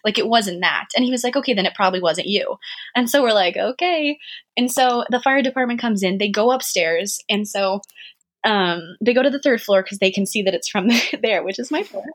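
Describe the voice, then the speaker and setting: A woman telling a story in casual chat, animated and laughing often, with many fillers. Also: medium pitch, fairly quick.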